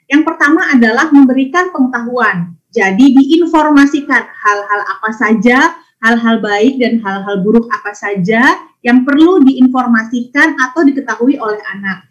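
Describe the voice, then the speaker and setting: High-voiced woman teaching online. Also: moderate pace. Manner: explains step by step, listing numbered points. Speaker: parenting educator. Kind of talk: webinar talk. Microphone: video call. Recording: dull lo-fi webinar audio.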